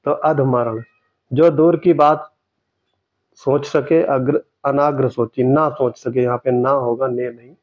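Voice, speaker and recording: A man tutoring for an exam, going through test answers in a steady way and repeating each key word for emphasis. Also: medium pitch, takes it slowly, muffled recording.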